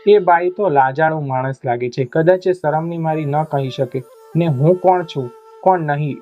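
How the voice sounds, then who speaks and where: A man's voice: a little high, lo-fi sound, lightly acted. A man voicing a brusque proud young devotee.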